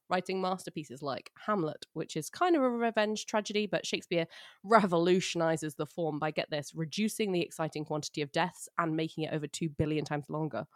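A woman's voice: lowish voice, dry recording, clean studio sound. A woman recapping a play with sardonic jokes and mock-dramatic asides. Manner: sardonic, jokey, acts out quotes. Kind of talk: comic plot recap.

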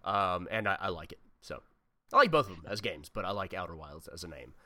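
A man's voice: sits low, fairly quick, pushed and bright. A man hosting a casual interview, talking in a rambling, informal way. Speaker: podcast host interviewing guests.

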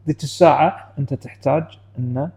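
A man who talks quickly, at a slightly higher pitch than most men. He explains clinical reasoning in a casual chat and keeps checking that his listener follows him. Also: gravelly, warm tone. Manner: explaining, frequent "you know how?" asides. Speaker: clinician guest.

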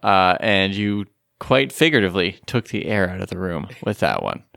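Male podcast host, lowish voice, dry close mic, rambling and chatty. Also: animated, moderate pace, creaky, a bit bright, no room sound. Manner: rambling, with many fillers and restarts. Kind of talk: casual chat.

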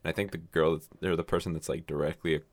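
Man, very low voice, dry close sound, rambling casual chat, profane. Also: steady tone, fast, dry recording. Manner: rambling, profane, with many fillers.

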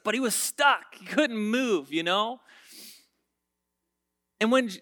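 High-voiced, unhurried man preaching. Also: expressive, no room sound, studio quality. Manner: storytelling, swings from quiet to emphatic. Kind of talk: casual conversational sermon.

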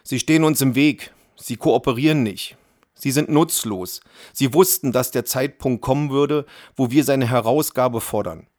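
A man's voice: mid-range voice, moderate pace, darkish tone, close to an everyday voice. Man playing a cold, cutting female interrogator. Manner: cutting, accusing.

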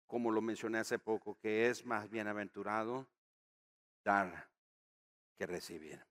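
A man preaching a sermon to his congregation as pastor, emphatic and rising to loud exhortation. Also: mid-range voice. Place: church auditorium.

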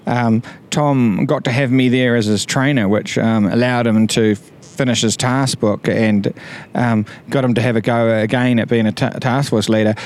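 A man with a New Zealand accent, a visiting wildfire task force leader answering interview questions with many pauses and restarts. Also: medium pitch, fairly even intonation, darkish tone. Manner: halting, many ums and restarts, good-humoured.

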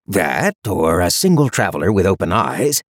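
Guy doing a dry weary sellsword, low-key and wry, close dry sound. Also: big pitch swings, moderate pace, dry recording. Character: wry weary male traveler-for-hire, adult.

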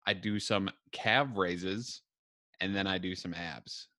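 A man's voice: deep voice, fairly even intonation, takes it slowly, pushed and bright, no echo, clean studio sound. A man hosting his own podcast, talking casually and chattily with a self-deprecating, upbeat manner, a little out of breath. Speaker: podcast host. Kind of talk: casual solo podcast talk.

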